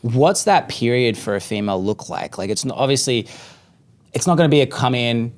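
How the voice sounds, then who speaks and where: Man as podcast host, relaxed and jokey, asks the questions. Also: medium pitch, a little fast. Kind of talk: casual chat.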